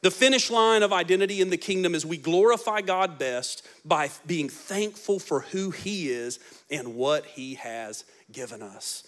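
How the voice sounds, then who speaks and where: A man in his forties, a pastor, alternates between booming emphatic phrases and quiet, low ones as he preaches into a handheld mic on a large church stage. He sounds animated but speaks a little slowly.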